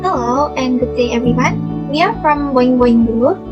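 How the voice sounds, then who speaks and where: A young woman from Indonesia presenting a class coding project, in halting, simply phrased speech. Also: high-pitched, muffled recording, over loud music. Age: young adult. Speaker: student presenter.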